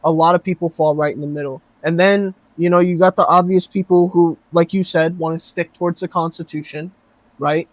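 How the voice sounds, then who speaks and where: A man's voice: on the high side, steady tone, a little fast, no echo. A man hosting a casual podcast, rambling through ideas and swearing freely as he talks with friends. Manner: rambling, swears freely, says bro a lot. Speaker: podcast host.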